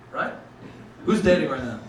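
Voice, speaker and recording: A young man with a high voice performs stand-up at a comedy club, casually swearing and calling the laughing crowd dude and bro. Heavy background noise fills the roomy live recording, taken from a distance.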